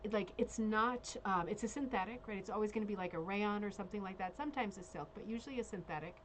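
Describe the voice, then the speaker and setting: Woman, bingo caller, craft show host, medium pitch, chatty and digressive, casual live delivery, audible background noise. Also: fast talker, low-quality recording. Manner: bingo caller announcing calls and reading out details; chatty, digressive, frequent "right?" check-ins. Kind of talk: casual live show chat with read-out descriptions.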